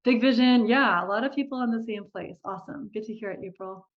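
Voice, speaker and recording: Over dull, lo-fi video call audio, a woman with a fairly high voice speaks at a quick pace. She is leading a live group coaching session online, cheerfully encouraging participants and frequently laughing.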